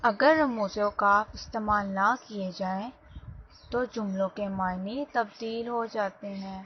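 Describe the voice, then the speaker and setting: A woman teacher giving a slow, explanatory lesson and speaking directly to her students. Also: mid-range voice, steady tone. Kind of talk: classroom lesson. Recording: dull lo-fi sound, faint background noise.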